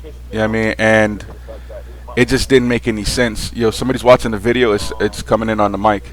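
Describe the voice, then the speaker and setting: A man's voice: lowish voice, level tone, brisk. A young man talking casually to the camera in a loose, slangy way, full of fillers and restarts, frankly airing a grievance. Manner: aggrieved, frank venting. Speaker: vlogger. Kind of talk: casual vlog monologue.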